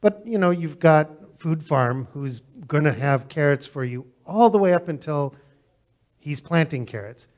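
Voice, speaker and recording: A man's voice: a little high, lively intonation, measured pace. An American man moderating a panel in a conversational style, steering talk between guests.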